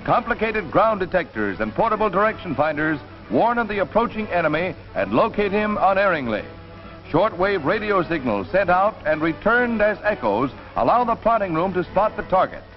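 A man's voice: high-pitched, sing-song, moderate pace, muffled recording, soft background music. A man narrating an old wartime newsreel in a dramatic announcer style, played from an archive recording.

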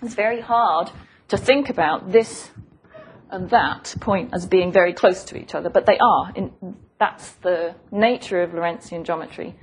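A woman's voice: fairly low pitch, normal speed, husky. A woman giving an academic lecture, explaining in a thoughtful, professorial way, hesitating and repeating phrases as she goes. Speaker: physics lecturer. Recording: noisy lecture recording with clicks.

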